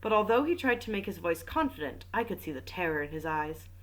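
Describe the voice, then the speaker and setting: A woman's voice: on the low side, big pitch swings, fairly quick, rough recording. A woman reading a mystery novel aloud, breaking off for casual, jokey asides. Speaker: reader and commentator. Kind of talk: casual read-aloud with commentary.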